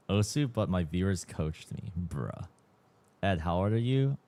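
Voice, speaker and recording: A man's voice: deep voice, lively intonation, measured pace, mellow. A man in his mid twenties, chatting casually as a livestream host, slangy and swearing freely, sounding tired. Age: 20s. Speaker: streamer.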